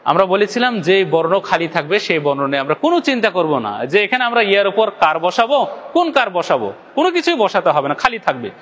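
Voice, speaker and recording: A Bangladeshi man delivers a very fast, step-by-step lesson on Quran recitation to his viewers, his high, fairly bright voice swinging widely in pitch. He asks questions and answers them himself, drawing out syllables for demonstration, and a long reverb tail follows his words.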